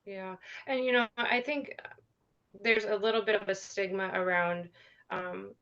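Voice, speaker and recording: A woman hosting a casual discussion as a nurse, speaking in halting phrases on slightly muffled audio. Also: mid-range voice, fairly even intonation, a bit bright. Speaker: discussion host and hospice nurse.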